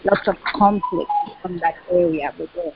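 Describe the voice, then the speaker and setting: Halting Chilean woman, translating in her head. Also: lowish voice, steady tone, background noise. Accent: Chilean Spanish. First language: Spanish. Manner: translating in head, halting and searching for English words. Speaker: curator and cultural center representative. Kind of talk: interview answer about exhibitions. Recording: dull lo-fi sound.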